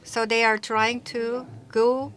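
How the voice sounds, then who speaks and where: A woman presenting at an online forum, speaking haltingly with many restarts and fillers. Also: on the high side, flat delivery, a bit bright. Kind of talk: conference presentation in English. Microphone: webinar microphone.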